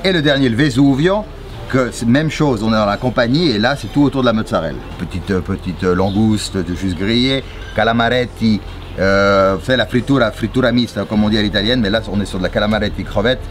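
A forties chef from geneva, guy with a lowish voice, walking guests through each plate with lots of detail, street and traffic noise loud behind him out on the terrace. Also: quick pace. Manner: enthusiastic, detailed explanations. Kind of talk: explaining dishes to guests. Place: outdoor restaurant terrace. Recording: outdoor city traffic noise.

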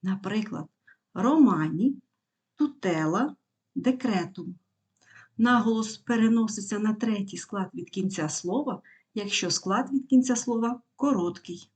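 A woman teaching pronunciation rules, explaining each rule and reading example words one by one in a clear, careful way. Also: medium pitch, darkish tone. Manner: reads word lists slowly and clearly, one word at a time.

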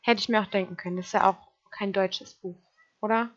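A woman's voice: medium pitch, steady tone, brisk, dull audio. A woman giving casual let's play commentary, chatting to her game characters and to her viewers.

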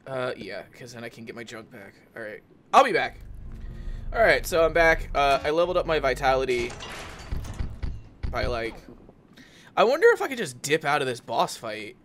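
A man's voice: medium pitch, very animated, moderate pace, long pauses, a bit bright, a little hiss or hum. Man muttering through a boss fight. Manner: swears and yelps when hit. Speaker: let's play gamer. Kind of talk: casual gameplay commentary. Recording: game music behind voice. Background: game music.

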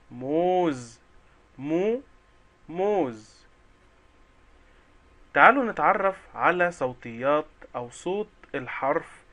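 A man with an Egyptian Arabic accent leads an alphabet lesson for young children. His voice is bright and forward, and he takes his time, stretching each syllable out slowly. He coaxes and cheers the kids along as he sounds out each one. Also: fairly high pitch. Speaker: children's teacher.

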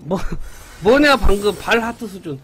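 A man's voice: high voice, measured pace, a little hiss or hum. A young man streaming a mobile game live, cheering on his upgrades and bantering playfully with chat viewers. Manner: excited, banters with viewers, mock-cursing.

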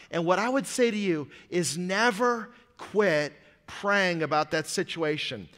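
A man's voice: on the high side, pushed and bright. A pastor from Hawaii preaching earnestly from an auditorium stage, voicing what his listeners might say. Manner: earnest, quotes imagined listeners. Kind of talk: sermon. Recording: long reverb of a large hall.

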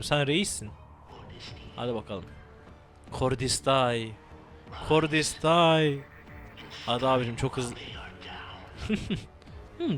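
A young man giving profane, joking running commentary while playing a shooter game. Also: mid-range voice. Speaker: gameplay commentator. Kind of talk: let's play commentary.

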